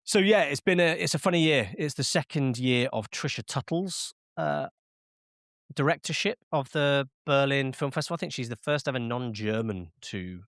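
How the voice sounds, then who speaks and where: A podcast host runs a casual film show, his mid-range voice a bit bright and slightly nasal from a cold. He chats with frequent fillers and restarts. The recording is studio quality with no room sound.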